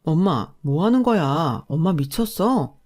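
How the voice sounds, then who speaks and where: A woman voicing an angry husband who shouts accusations at his mother. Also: sits low, animated, a little slow.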